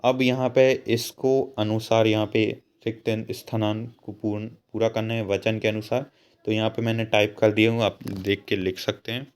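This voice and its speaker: A young man, explaining a school lesson patiently and slowly. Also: lowish voice, little pitch movement, darkish tone, clear, resonant tone. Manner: slow, patient explanation with frequent asides to students. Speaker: teacher.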